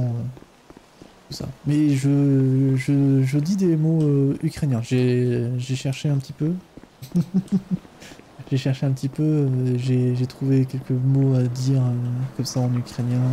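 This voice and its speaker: A male streamer in relaxed, chatty casual commentary over his game. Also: medium pitch, slight background noise. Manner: relaxed, chatty, laughs often.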